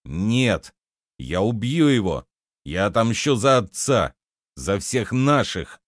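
A man's voice: lowish voice, big pitch swings, slow pace, dry recording, studio quality, full character voice. A man doing an earnest, heated peasant boy. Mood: determined. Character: angry, determined peasant boy. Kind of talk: audiobook character reading.

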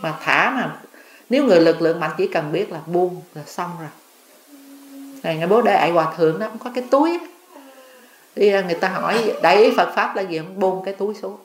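A woman's voice: lowish voice, lively intonation, a little fast, reverberant, a little hiss or hum. An older woman, a Buddhist nun, giving a dharma talk, telling stories and asking her listeners questions. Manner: storytelling, asks listeners questions.

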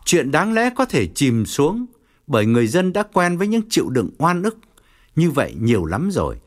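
Expressive male audiobook narrator. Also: a little high, normal speed. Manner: expressive, wide-ranging storytelling.

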